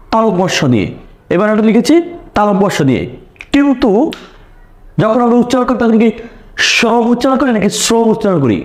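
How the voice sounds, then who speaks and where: Teacher, male, high voice; repeats points, quizzes the class rhetorically, online lesson. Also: darkish tone. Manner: repeats key points and asks rhetorical questions.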